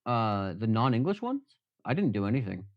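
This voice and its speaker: A livestreaming man talks while working at his workbench, very animated in a lowish voice at a moderate pace. He jokes casually and uses many fillers; the recording is dry, dull, and a bit lo-fi.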